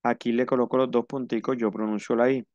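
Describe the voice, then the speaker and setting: A man teaching a French lesson, slow and careful, repeating each word for his students. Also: mid-range voice, little pitch movement, a little mellow, no room sound, highs cut off. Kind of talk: language lesson.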